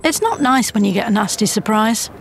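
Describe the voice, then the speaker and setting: A woman's voice: mid-range voice, animated, fairly quick, creaky, over loud music. A woman narrating a scripted radio advert.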